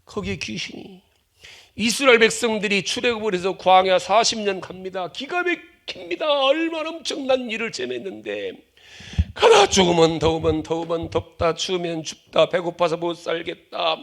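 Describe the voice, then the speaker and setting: A middle-aged male pastor preaching a sermon in a church, acting out quarrels with sudden shouts and dropping to whispers. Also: sits high, animated, normal speed, gravelly. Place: church sanctuary.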